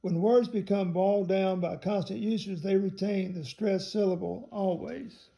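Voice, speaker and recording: A man with a high, gravelly voice reads a book aloud in a measured, careful way. He spells out some words letter by letter as he goes. His tone is dark and mellow. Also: steady tone, muffled recording. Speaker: reader of a theology text.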